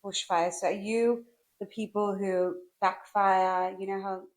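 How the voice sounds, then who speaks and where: A woman's voice: mid-range voice, level tone, unhurried. Friendly woman hosting a podcast. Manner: friendly and encouraging. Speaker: podcast host.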